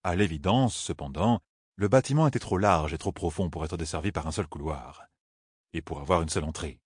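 A man narrating a fantasy novel as a steady audiobook reader. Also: sits low, brisk, husky, dry recording, clean studio sound. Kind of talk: scripted narration.

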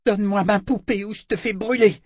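A man voicing a frightened little servant girl in a storybook reading, pleading in a small high voice. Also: steady tone, fairly quick, darkish tone, no room sound, clean studio sound. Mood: threatening. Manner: whimpering then threatening. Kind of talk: storybook read-aloud voice.

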